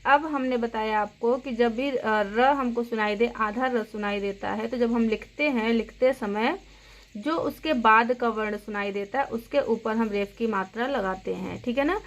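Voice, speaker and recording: Slow, patient woman teaching children. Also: a little high. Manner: slow, patient, spells out sounds syllable by syllable. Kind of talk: children's grammar lesson. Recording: dull lo-fi sound.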